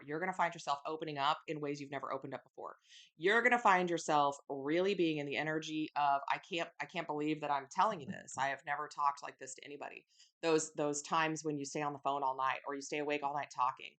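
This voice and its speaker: A woman's voice: low-pitched, fairly bright tone. A woman giving a casual tarot love reading to her viewers, chatty and reassuring, often checking in with "okay?" and "right?". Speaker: tarot reader.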